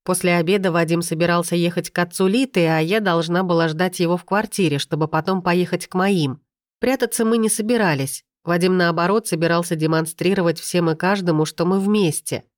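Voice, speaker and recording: A woman reading a first-person novel aloud in a steady storytelling manner. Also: fairly low pitch, a little fast, no echo, studio quality. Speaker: audiobook narrator.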